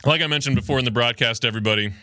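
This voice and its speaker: Racing along in a bright, forceful, medium-pitched voice, this sleep-deprived host from Miami, Florida, a native Spanish speaker growing up, banters through his livestream podcast and reads out viewer comments. The studio-mic recording is dry.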